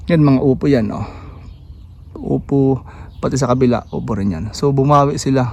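A man giving a casual walk-through tour of his backyard vegetable garden, relaxed and pointing things out with many fillers, a little out of breath. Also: mid-range voice, normal speed, vocal fry, lo-fi sound. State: slightly out of breath after jogging. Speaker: gardening vlogger.

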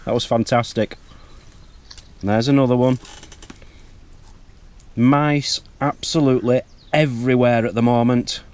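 Casual male wildlife vlogger, mid-pitched, chatty and eager, recorded outdoors in woodland. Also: measured pace, long pauses, clear, resonant tone. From United Kingdom. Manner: chatty, easily excited. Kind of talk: casual outdoor vlog narration.

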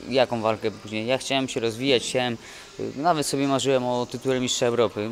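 A young man, freshly off a fight, talks through a post-fight interview in a downcast, stop-start way. He trails off and corrects himself often, at a middling pitch for a man. The recording is from a handheld mic in front of a sponsor wall at an indoor event. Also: steady tone. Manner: dejected, halting, many restarts. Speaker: boxer. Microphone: handheld mic held by interviewer.

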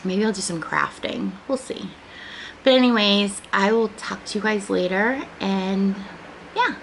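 Here a woman in her forties, American, talks informally with her viewers as a vlogger, drifting from point to point. Her pitch is medium, her pace measured, with vocal fry. The rough recording from her small indoor living room has noticeable background room noise.

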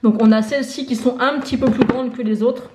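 A woman's voice: on the high side, fairly even intonation, brisk. A woman beauty vlogger chatting casually through her makeup collection, listing items one by one with many fillers. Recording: echoey room with faint noise.

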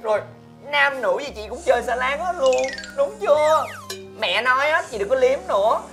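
A naive, emotional younger sister from the countryside. Her voice sits high, and she is whiny and melodramatic. Soft music plays behind her in this sitcom scene. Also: lively intonation, moderate pace. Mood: dramatic. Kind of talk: sitcom acting.

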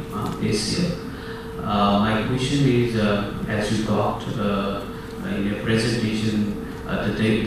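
A man with a Nepali accent asking a question at a workshop, halting with many fillers. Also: fairly low pitch. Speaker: program manager. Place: hotel conference room. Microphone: handheld microphone through room speakers. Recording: very echoey hall from far off, noisy.

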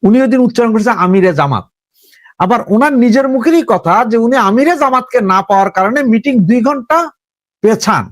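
High-voiced Bangladeshi man, dry sound. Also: lively intonation, brisk, no room sound. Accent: Bangladeshi Bengali. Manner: conversational, addresses listener directly with rhetorical questions. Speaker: political commentator. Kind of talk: casual political commentary.

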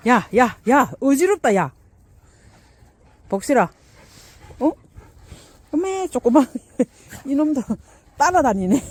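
Lady fussing at her dogs, chuckling a lot, slow, high-pitched. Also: big pitch swings, darkish tone, slightly rough. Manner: playfully scolding, chuckling often. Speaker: dog owner filming her pets. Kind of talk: casual talk to dogs.

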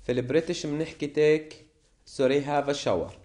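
A man's voice: a little high, fairly even intonation, darkish tone. Man teaching English word lists. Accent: Levantine Arabic. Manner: slow, deliberate reading of word lists. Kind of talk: classroom lesson explanation.

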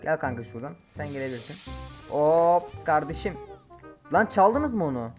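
Excitable young man shouting over gameplay. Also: on the high side, soft background music. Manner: excitable, quick to curse and shout at teammates. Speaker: mobile game streamer. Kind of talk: live gameplay commentary. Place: home, playing on an emulator.

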